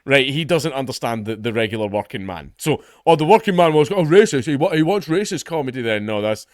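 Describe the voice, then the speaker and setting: This online commentator, a Scotsman, riffs sarcastically on an article, cursing casually and ridiculing the people cited. He's brisk and expressive, switching to a lower, softer voice for quoted passages. Clean, dry studio audio.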